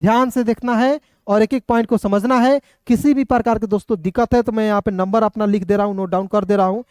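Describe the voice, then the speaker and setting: Man, English teacher, patient and repetitive, high voice, dry close sound. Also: fairly even intonation, quick pace, darkish tone, clear, resonant tone, no room sound. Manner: patient, repeats each word and asks the viewers questions. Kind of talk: spelling lesson for beginners.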